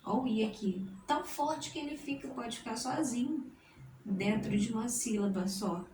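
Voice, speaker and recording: A woman teacher explains a grammar lesson, speaking deliberately and splitting words into syllables. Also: fairly high pitch, darkish tone, recorded from a distance. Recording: roomy echo, voice from the mic, faint noise.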